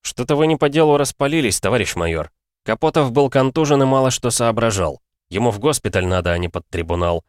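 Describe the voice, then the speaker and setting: A man's voice: medium pitch, expressive, fast, no room sound, clean studio sound, pitched above the performer's own voice, close to an everyday voice. A man voicing a blunt male tank commander who barks orders in battle. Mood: cold, blunt. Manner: barked orders, blunt and cold.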